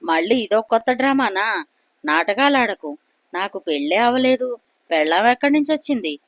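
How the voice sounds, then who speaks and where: A jumpy young man, suspicious and quick to panic, raising his voice sharply when startled, as a woman narrator puts him on. Dry, close storybook reading. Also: fairly high pitch, lively intonation, a bit bright, no echo. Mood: alarmed. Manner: indignant, panicky. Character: young man, suspicious, easily flustered husband.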